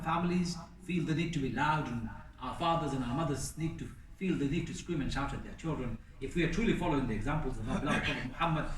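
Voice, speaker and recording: A man giving a passionate sermon at a mosque, acting out quoted voices and repeating lines for emphasis. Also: fairly high pitch. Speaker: mosque speaker. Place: large mosque hall. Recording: echoey hall, voice from far off.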